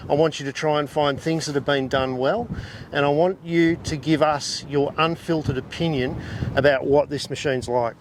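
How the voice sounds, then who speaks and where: Higher-voiced Australian man hosting a review. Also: fairly even intonation, normal speed, a little hiss or hum. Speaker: host of a product review. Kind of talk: informal product presentation and chat.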